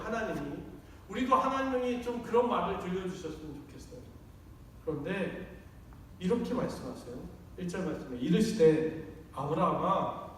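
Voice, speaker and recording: Male pastor, high voice, lively conversational sermon, far mic in a church hall. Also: a little hiss or hum. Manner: conversational, acts out quoted lines. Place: church sanctuary.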